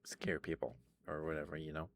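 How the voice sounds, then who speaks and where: A man speaking softly in a casual ASMR style, reading and chatting, with a tired, worn-out voice. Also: level tone, a little fast. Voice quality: low, creaky voice. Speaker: ASMR host reading aloud. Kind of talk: soft-spoken ASMR reading and chat.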